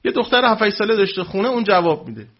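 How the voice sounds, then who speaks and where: A man with a somewhat high, husky voice spins an anecdote for a gathered audience. He tells it with animation and briefly puts on the voices of the people he quotes. The recording is dull and lo-fi. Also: lively intonation. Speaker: speaker telling a religious anecdote to an audience. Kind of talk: spoken storytelling to a live audience.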